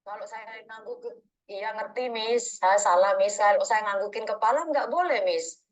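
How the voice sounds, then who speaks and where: On a poor-quality phone line, a woman who works as a domestic worker abroad calls for advice. Her mid-range voice moves at a moderate pace as she rambles through explanations, deferentially ending almost every phrase with "Miss".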